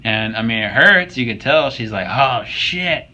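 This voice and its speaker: A man's voice: fairly low pitch, animated, normal speed, bright, forceful tone, low-quality recording. A young man casually commenting on workout footage, joking and swearing as he coaches viewers. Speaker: fitness vlogger.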